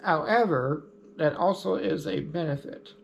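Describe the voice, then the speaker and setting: A man speaking in a casual, explanatory vlog style, unhurried and easygoing. His voice sits slightly high and carries a gravelly edge. Faint room noise sits behind him. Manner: easygoing, plainspoken, lightly humorous. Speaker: vlogger.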